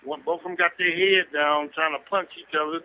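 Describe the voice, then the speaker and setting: A man's voice: a little high, fairly even intonation, a little fast. A man in his sixties calling in on a prison phone line, chatting casually with a loose, crude way of telling stories. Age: 60s. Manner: loose, crude storytelling with frequent chuckles. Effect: heard over a prison phone line. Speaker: inmate calling into a podcast. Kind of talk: casual chat.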